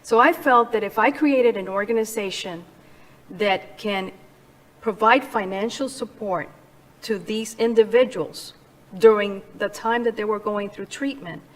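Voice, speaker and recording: A woman's voice: medium pitch, a little slow, low-quality recording. A middle-aged woman from Cuba speaks as a guest in an interview. She tells her story earnestly and with passion. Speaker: guest, charity founder. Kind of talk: interview conversation.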